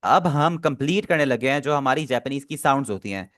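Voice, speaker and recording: A man's voice: medium pitch, expressive, brisk, fairly bright tone, no room sound, clean studio sound. A man teaching an online class, explaining step by step and often checking that students follow. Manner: explains patiently, often asks "theek hai?" to check.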